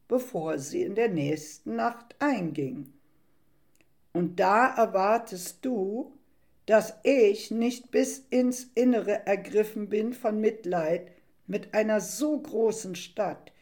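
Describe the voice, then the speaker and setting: A woman voicing God, slow and patient. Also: mid-range voice, mellow. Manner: slow and deliberate. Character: patient, earnest male voice of God. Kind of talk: dramatized Bible story reading.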